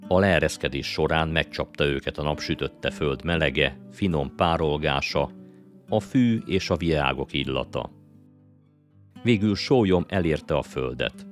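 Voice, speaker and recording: Very deep-voiced male audiobook narrator. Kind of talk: scripted narration. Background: faint guitar music.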